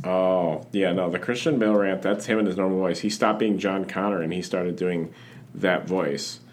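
A man's voice: low voice, fairly even intonation, moderate pace, a little hiss or hum. A man hosting a podcast, chatting casually and rambling with lots of restarts and fillers. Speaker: podcast host. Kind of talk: casual chat.

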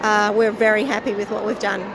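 Croaky woman in a noisy interview. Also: medium pitch, flat delivery, a little fast. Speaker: chorus director and quartet singer being interviewed. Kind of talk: casual interview. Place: busy convention venue. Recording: noisy location recording, busy venue ambience.

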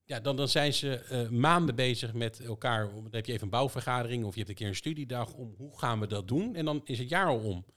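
A man's voice: mid-range voice, fairly quick, hardly any pauses, fairly bright tone. A man speaks in an explanatory podcast chat with a mid-range voice. He drives his points home through strings of rhetorical questions. His tone is emphatic and practical. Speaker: education software provider.

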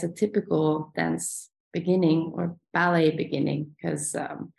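A woman's voice: lowish voice, creaky, darkish tone. A young adult woman from Sweden, a ballet dancer answering interview questions in a hesitant way, with many fillers.

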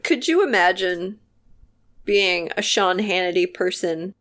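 Slow-talking woman guest, casually profane. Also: on the low side, fairly bright tone. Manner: slow, drawn out, swearing casually. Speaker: podcast guest. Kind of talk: casual comedy panel chat.

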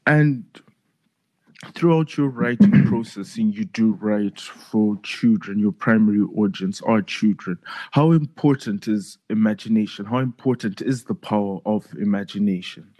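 A man with a slightly low voice hosts a podcast interview. He reads his intro from a script and asks his questions politely. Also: measured pace, mellow. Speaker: podcast host. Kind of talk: interview hosting.

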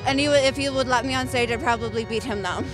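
A woman's voice: fairly high pitch, fast talker, over music, natural voice. A woman playing a vain 1980s beauty queen who brags about her talents. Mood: boastful. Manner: boastful, self-satisfied bragging.

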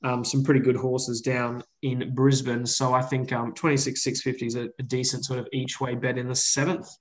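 Australian male tipster, average pitch, laid-back, hesitant, slangy, casual racing commentary. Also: level tone, fairly quick. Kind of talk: casual unscripted tipping commentary.

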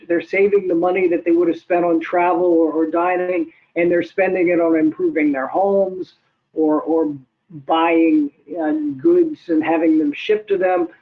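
Older man on a tinny phone line. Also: on the high side. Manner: measured, explanatory, with many fillers. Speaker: guest economist. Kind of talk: interview answers.

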